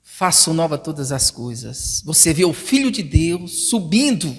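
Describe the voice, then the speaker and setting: Man preaching, higher voice, emphatic swells, long hall reverb. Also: very animated, measured pace. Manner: emphatic preaching, swelling louder on key phrases. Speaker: pastor. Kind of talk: sermon.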